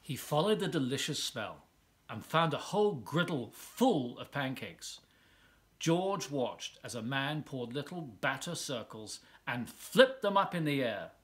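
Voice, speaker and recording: With a mid-range, fairly bright voice, a man volunteers as a storyteller, bringing great animation to a children's picture book. He lingers on words and uses dramatic pauses.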